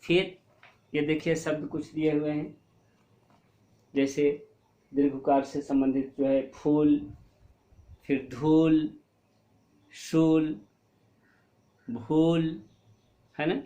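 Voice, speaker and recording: A male teacher explaining a Hindi spelling lesson to young pupils, asking questions and answering them himself, and drawing out words slowly to show how they sound. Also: a little high, fairly even intonation, mellow. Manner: explains patiently, asks and answers his own questions; stretches and stresses words to show pronunciation. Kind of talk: online class lesson.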